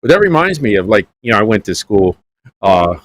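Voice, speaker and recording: A man's voice: on the low side, very animated, a little fast, a little hiss or hum. A man hosting a Bible study show, telling folksy jokes and stories in casual chat. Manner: joking storyteller, folksy. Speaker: Bible teacher and show host.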